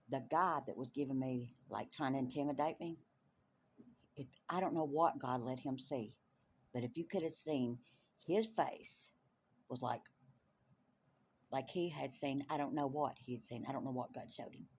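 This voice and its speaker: A woman tells her faith testimony in an animated way, laughing often and repeating lines for emphasis. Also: sits low, slight background noise. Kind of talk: testimony storytelling.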